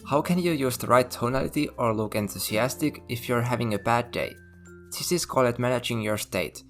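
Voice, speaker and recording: A man's voice: mid-range voice, a little fast. Man narrating a scripted explainer. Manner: steady explanatory delivery with numbered points. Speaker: channel host. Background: faint background music.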